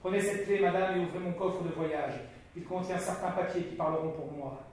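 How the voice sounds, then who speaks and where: A man's voice: sits high, steady tone, brisk, natural voice. A man voicing a dying young king, imperious and bitter, in a very echoey room from a distant mic. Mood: grim. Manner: stern, imperious.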